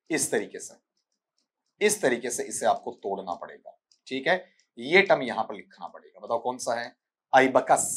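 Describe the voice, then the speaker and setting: A man's voice: a little high, fairly bright tone. A man with a Rajasthani Hindi accent teaching English for exams, scolding students and drilling sounds. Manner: scolding, repeatedly asks "ठीक है?" and calls students "बेटा"; spells out sounds slowly and repeats words for drilling. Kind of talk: exam-prep lesson answering student questions.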